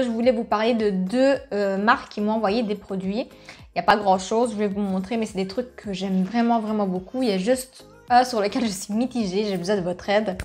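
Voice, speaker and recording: A woman from Italy with an Italian accent, chatting casually through a beauty unboxing and reading product descriptions aloud with enthusiasm. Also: fairly high pitch. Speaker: beauty vlogger. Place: at home, filming on a phone.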